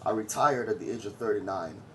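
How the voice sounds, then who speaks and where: A man in his forties, from Trinidad and Tobago, talks straight into his vlog with a fairly low voice. He is blunt and boastful and lectures the viewer. He has no patience for anyone's feelings. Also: a little fast, a little hiss or hum. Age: 40s. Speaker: vlogger. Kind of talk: opinionated commentary.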